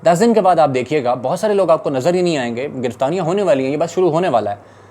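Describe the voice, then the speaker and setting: A man's voice: a little high, lively intonation, fast, mellow. A man with a Pakistani Urdu accent giving urgent, indignant political commentary.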